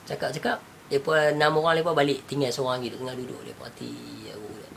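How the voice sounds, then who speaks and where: A man's voice: medium pitch, very fast, gravelly. A man with a Northern Malaysian Malay accent talks through a teaching tale in a casual chat. He voices the people in the story and laughs easily. Faint background noise sits under his voice. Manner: animated storyteller, acts out quotes, laughs often.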